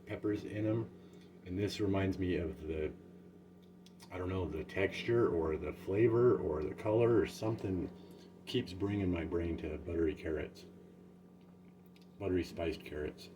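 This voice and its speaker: A man's voice: sits low, measured pace, long pauses. A man hosting a casual home tasting vlog, talking in an easygoing, rambling way with many fillers. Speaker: home gardener reviewing peppers. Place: home and backyard garden. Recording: steady background noise.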